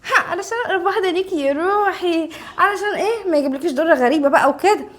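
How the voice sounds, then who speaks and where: A woman's voice: very high-pitched, rapid-fire, fairly bright tone. An actress playing a smug young woman who gloats over marrying her best friend's husband, with an Egyptian accent. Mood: mocking. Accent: Egyptian Arabic. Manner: mocking, gloating.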